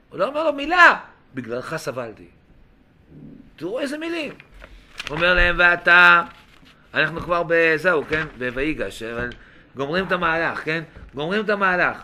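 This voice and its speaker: High, bright-voiced man preaching. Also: lively intonation. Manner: emotional, swings between hushed and exclaiming; retells and acts out speeches with rhetorical questions. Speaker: rabbi giving a Torah talk. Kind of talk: sermon.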